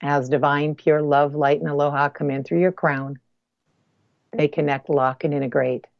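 A woman leading a spoken guided meditation as a guest healer, speaking softly and close to the ear in deliberate, measured phrases with pauses. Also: deep voice, little pitch movement, vocal fry, dry recording, dull audio.

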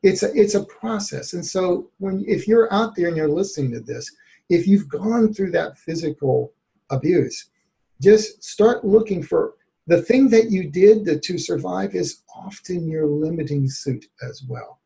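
A man, a therapist by trade, tells a personal story as a guest in an interview. His voice sits a bit high with a gravelly fry running through it, and he keeps the telling lively with frequent laughs. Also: measured pace. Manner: animated, laughs often while telling stories.

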